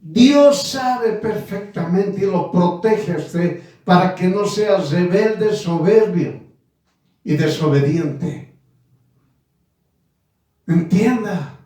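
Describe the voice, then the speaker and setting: A man in his nineties preaching a sermon, slow and emphatic, repeating his phrases. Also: high voice, dark tone. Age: 90s. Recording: echoey room from far off.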